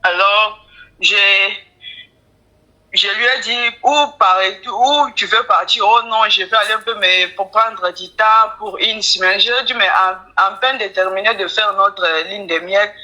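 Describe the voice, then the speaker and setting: A woman with a Congolese accent telling her story as a deferential caller, in halting, broken French as a non-native speaker with grammar slips. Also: medium pitch, fairly even intonation, bright, forceful tone, low-quality recording. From Kinshasa, Congo. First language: not French; speaks it with difficulty. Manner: deferential, often addressing the coach by title. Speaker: caller to a live coaching show. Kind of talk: personal storytelling.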